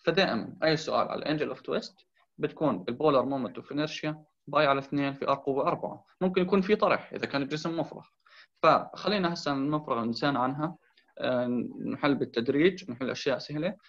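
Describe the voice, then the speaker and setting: A man's voice: on the high side, racing, a bit bright. A man tutoring engineering, explaining a drawing, repeating key points and mixing in English terms. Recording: slightly dull lo-fi sound.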